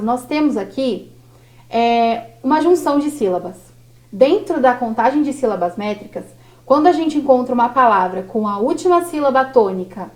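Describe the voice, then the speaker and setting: A Brazilian Portuguese-speaking woman teaching a workshop lesson on verse, slow and didactic, drawing out each syllable. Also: fairly high pitch.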